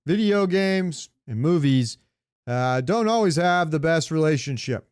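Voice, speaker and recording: His voice sits fairly high and is expressive, smooth and slightly mellow as he chats unhurriedly on a podcast about movies and pop culture, cursing now and then. The studio recording is clean, with no room sound.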